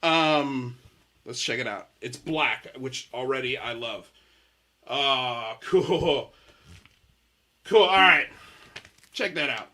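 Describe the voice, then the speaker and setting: A man's voice: mid-range voice, takes it slowly, pauses often, sharp tone. A man from Miami hosting a casual podcast livestream, laid-back and chatty, saying "dude" a lot and laughing easily. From Miami, USA. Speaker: podcast host.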